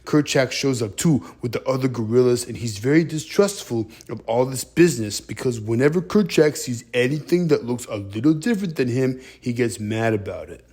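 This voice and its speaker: A man with a husky, slightly breathy voice talking through a movie review in a relaxed, chatty retelling. His pitch sits in an ordinary middle range. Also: fairly quick, few pauses.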